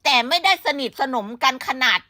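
A woman's voice: a little fast, pushed and bright, dry recording, studio quality. A woman giving blunt, scolding gossip commentary full of rhetorical questions. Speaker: online commentator.

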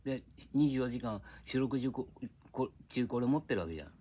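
A man's voice: medium pitch, animated, brisk, dark tone. Older man rambling. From Japan. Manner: reminiscing, drifting between tangents, gruff casual speech. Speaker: vlogger. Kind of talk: rambling casual monologue. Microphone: iPad.

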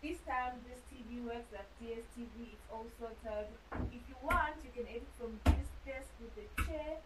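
A woman's voice: a little high, normal speed. A young woman vlogger giving an enthusiastic, chatty tour of her small rented room, often addressing viewers as "you guys.". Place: small bedroom and kitchenette, indoors. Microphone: camera on tripod across the room. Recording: distant mic with clear hiss.

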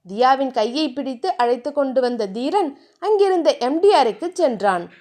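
A woman with a high voice reads a romance novel aloud in a steady storytelling way. Her narration is even and measured, and it carries the scenes from one line to the next. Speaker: audiobook narrator. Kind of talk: scripted narration.

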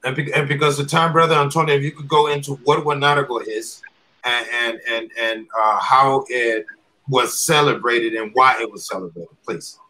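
A man's voice: medium pitch, steady tone, moderate pace, pushed and bright, low-quality recording. A man hosting an online conference on a video call, prompting a guest and repeating himself as he urges him on. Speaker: host.

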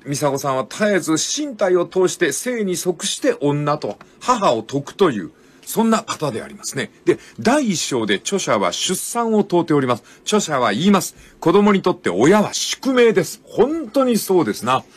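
Husky older man, lively radio storyteller. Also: a little high. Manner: folksy storyteller, drawn-out emphatic phrasing. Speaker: radio host. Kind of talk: radio talk, book commentary.

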